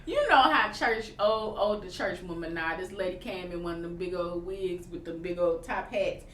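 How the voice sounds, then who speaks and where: A woman's voice: fairly low pitch, normal speed. A woman co-hosting a casual podcast, telling stories and teasing her partner. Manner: animated storytelling, teasing. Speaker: podcast co-host. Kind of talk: casual chat. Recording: roomy, distant mic, faint hiss.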